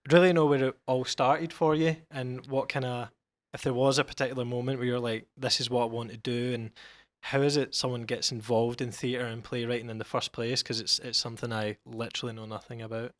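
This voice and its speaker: A man's voice: mid-range voice, level tone, brisk, hardly any pauses, no echo. Chatty man hosting a podcast. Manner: friendly, chatty, loose rambling introductions. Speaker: podcast host. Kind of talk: casual podcast chat.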